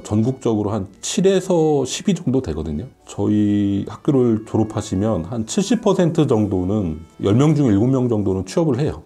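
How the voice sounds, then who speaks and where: A man in his late forties with a fairly low, very mellow voice talks as a professor guest on a radio Q&A. He is candid and self-deprecating, speaking conversationally over background music. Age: late 40s. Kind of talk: casual radio Q&A chat.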